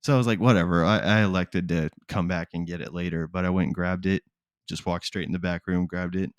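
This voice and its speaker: A man's voice: low-pitched, level tone, fairly quick, smooth, no room sound, studio quality. A man co-hosting a podcast, chatting casually and retelling stories with slang, swearing and quoted back-and-forth dialogue. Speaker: podcast co-host. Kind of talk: casual chat, storytelling.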